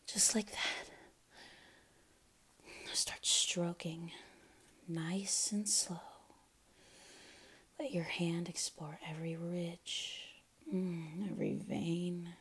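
Slow, breathy whispering woman. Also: fairly low pitch, level tone. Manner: soft unvoiced whisper throughout; teasing, coaxing, with soft hums and quiet laughs. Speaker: audio performer. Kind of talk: whispered intimate audio roleplay.

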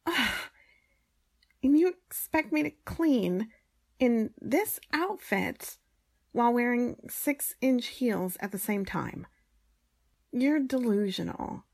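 A woman playing a grudging, teasing maid in an intimate audio role-play, with exasperated, breathy asides and a husky, creaky voice. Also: medium pitch, expressive, slow pace, pauses often, a little mellow, heavily acted. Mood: embarrassed, grumbling.

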